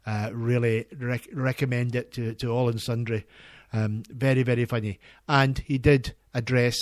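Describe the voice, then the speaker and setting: A man's voice: mid-range voice, little pitch movement, no echo. Earnest male radio presenter, dry close sound. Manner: earnest, enthusiastic, halting. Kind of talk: community radio chat.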